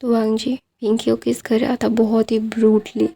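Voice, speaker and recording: A woman casually retelling a fanfiction story in a flat, monotone read full of fillers. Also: a little high, normal speed, creaky.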